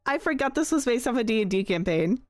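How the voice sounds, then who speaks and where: A woman streaming a game, chatting casually and giggling between remarks. Her voice is fairly high and swoops lively up and down, with a dry, close sound and faint music behind her. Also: fast, no room sound. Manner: giggly, animated. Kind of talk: casual gaming stream commentary.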